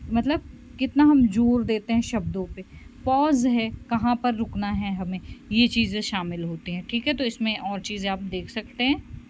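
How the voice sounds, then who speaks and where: A woman gives a special education lecture from home, walking through slides in a mid-range voice. Her explanations are dotted with fillers plus "okay?" and "theek hai" checks, and the dull audio carries a little hiss or hum.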